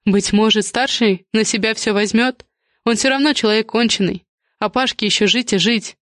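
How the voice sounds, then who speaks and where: A woman voicing a blunt, sharp-tongued middle-aged gossip with a curt, knowing manner. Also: on the high side, moderate pace, no echo, clean studio sound, close to an everyday voice.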